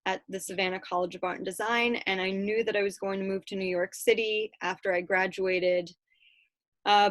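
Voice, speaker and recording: A woman in her thirties from Chicago telling her life story in a relaxed, chatty way, with frequent ums and little laughs. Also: mid-range voice, dry recording. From Chicago, United States. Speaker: guest speaker. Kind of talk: casual personal storytelling.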